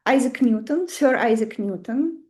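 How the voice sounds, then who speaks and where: High-pitched woman with a Russian accent. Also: animated, a little slow, darkish tone. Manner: emphatic, conversational, with rhetorical questions. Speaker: astrology teacher. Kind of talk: informal lecture to a live group.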